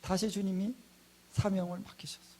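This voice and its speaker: A middle-aged man, a pastor, giving a sermon with a personal testimony, telling stories and acting out quoted prayers in a hushed voice. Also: high-pitched, level tone, fairly quick.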